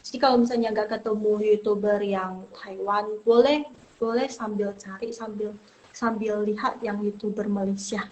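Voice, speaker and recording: A young Indonesian woman with a fairly high voice teaches Mandarin in a casual live online lesson. She's chatty and reassuring, tends to trail off and repeat herself, and the recording is rough.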